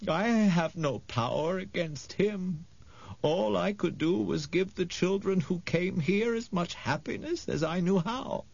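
A male reader voicing a weary, ancient, gentle woman who speaks slowly and tenderly, with a frail, creaky voice. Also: high voice, dry recording, pitched above the performer's own voice, heavily acted. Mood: weary, wistful. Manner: slow, tender, calling the boy "my sweet". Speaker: audiobook reader. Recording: dull, dry studio read.

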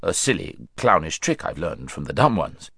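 A proud, fussy talking warhorse from a storybook, as a man reads him out. The voice sits very deep and swings up and down with feeling, grave and a bit anxious about looking dignified. The sound is dry and close. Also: big pitch swings, moderate pace, vocal fry, bright, forceful tone, slightly rough, dry recording, full character voice.

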